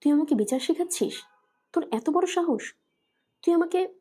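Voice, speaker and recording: A woman's voice: a little high, fairly quick, husky. A woman voicing an angry middle-aged mother who scolds her daughter over the phone. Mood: furious. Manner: sharp, scolding.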